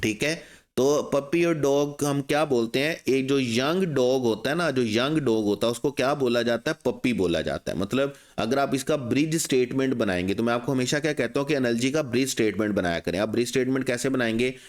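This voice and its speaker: A man explains test questions in a lesson, his voice sitting at an ordinary middle pitch. He keeps asking the class questions and answering them himself, slowing right down to read the English sentences aloud. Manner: reads English test sentences slowly and deliberately. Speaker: English teacher.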